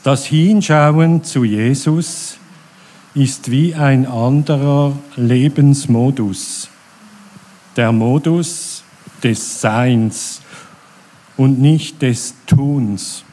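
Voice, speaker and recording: Man, middle-aged, sermon, very slow, contemplative, mellow voice. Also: medium pitch. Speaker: church speaker.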